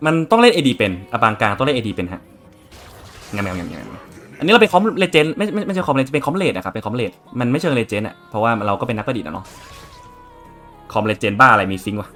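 A man's voice: mid-range voice, big pitch swings, fast, fairly bright tone, soft background music. A young man casually commenting on his strategy game as he plays, chatting to viewers and swearing freely. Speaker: game streamer.

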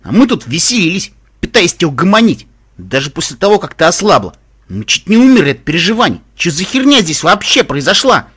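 This is a hot-tempered, protective young pegasus stallion in an audiobook, as a male reader puts him on. He sounds husky and sits a little high for a man. He tends to raise his voice into loud, scolding shouts. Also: very animated, a little fast, full character voice. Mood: angry.

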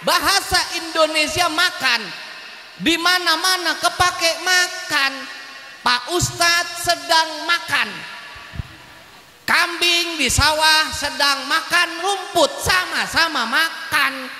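A man's voice: extremely high pitch, slow pace, pushed and bright. A man giving a joking wedding sermon and often asking the women listening whether they agree, heard over a sound system in a hall. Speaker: preacher. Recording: echoey hall with long reverb.

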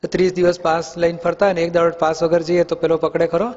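Speaking fast in a completely flat, darkish, fairly high voice, a spiritual teacher holds a question-and-answer discourse for youth. He patiently puts questions to the young people and uses everyday examples, captured as dull sound in an echoey hall.

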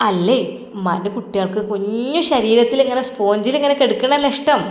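Woman voicing a gentle coaxing old grandmother. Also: a little high, brisk, lightly acted. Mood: tender, coaxing. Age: older. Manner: soft coaxing, affectionate endearments. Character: gentle widowed grandmother, affectionate. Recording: roomy echo.

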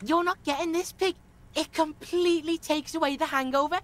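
Actress as a swaggering foul-mouthed game street kid, high-pitched and crude. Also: female voice, steady tone, moderate pace, background noise, close to an everyday voice. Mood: cocky. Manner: swaggering, crude, refers to himself by name. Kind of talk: video game voice acting.

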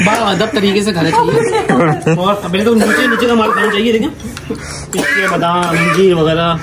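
A man's voice: sits high, big pitch swings, normal speed, very noisy. A man in his twenties, a friend at a feast, joking about how much he eats. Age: 20s. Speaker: guest friend. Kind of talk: casual chat. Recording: crowd chatter behind.

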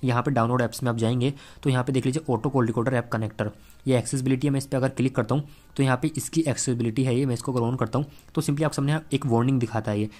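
A man in his twenties hosts a tech tips channel, speaking fast in a steady, slightly mellow mid-pitched voice through a clip-on lapel mic. His explanatory vlog mixes talking to camera with a screen tutorial, walking through each step conversationally and often using tag phrases to check the listener is following.

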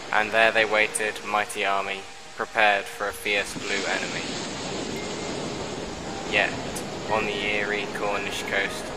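A young man recites a spoken-word poem, his voice low and held to a narrow, even line. The delivery is measured and rhythmic, returning to a refrain. Loud music runs under the whole recording. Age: young adult. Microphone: close mic, audio overdubbed. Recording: voice over loud backing music. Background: loud music bed.

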